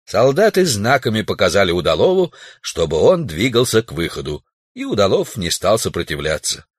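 A man reading a science-fiction audiobook in an expressive, lively storytelling manner. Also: lowish voice, normal speed, slightly rough, no room sound, studio quality. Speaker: audiobook narrator.

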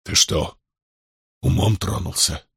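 A man's voice: deep voice, slow, gravelly, fairly bright tone, breathy edge, dry recording, clean studio sound, pitched below the performer's own voice, full character voice. A man reading an audiobook, voicing a blunt, stubborn middle-aged landowner with a demanding manner. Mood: alarmed.

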